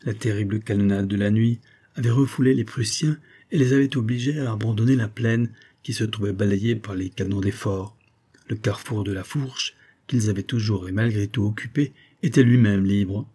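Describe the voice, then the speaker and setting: A man narrating a classic novel aloud, measured, raising his voice for the characters' lines. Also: fairly low pitch, mellow, husky. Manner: measured, lifts voice for dialogue. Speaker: audiobook reader.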